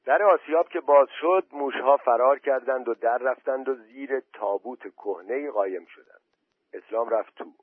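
A man reading a story aloud as audiobook narration, in a steady storytelling manner. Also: mid-range voice, breathy edge, no room sound. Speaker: reader. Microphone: voice message recording. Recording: dry, tinny phone-quality audio.

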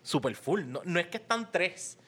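A Puerto Rican man co-hosting a podcast, telling a funny story in a casual, animated way and acting out the voices. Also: sits high, moderate pace, breathy edge. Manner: animated, laughing, acts out voices in anecdotes. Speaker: podcast co-host.

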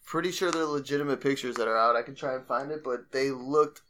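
A man's voice: mid-range voice, fast talker, over a noisy crowd. A young man co-hosting a casual podcast, laid-back and joking crudely. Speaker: podcast co-host. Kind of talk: casual chat.

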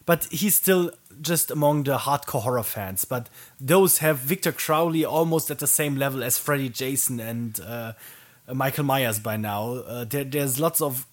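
A man co-hosting a podcast in relaxed casual chat, with a hesitant delivery. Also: medium pitch, normal speed. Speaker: podcast co-host.

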